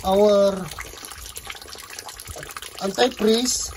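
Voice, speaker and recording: A man's voice: high voice, fairly even intonation, drawn-out words, a little mellow, low-quality recording. A man in his forties with a Filipino accent, a truck driver vlogging in plain, slightly broken English as he talks to viewers from his cab and a repair shop. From Philippines. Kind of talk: casual vlog narration. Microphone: handheld phone camera. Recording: phone audio with clear vehicle noise. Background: engine and vehicle noise.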